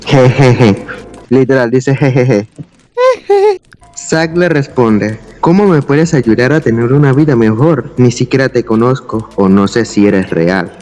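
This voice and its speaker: A man's voice: mid-range voice, normal speed, few pauses, darkish tone, long reverb tail. A man reads a homemade horror story in a casual late-night chat. He keeps stopping to poke fun at the clumsy writing, and his voice sits in an ordinary middle range. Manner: mocking, laughs at and comments on his own old writing. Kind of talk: casual reading of a horror story with joking asides.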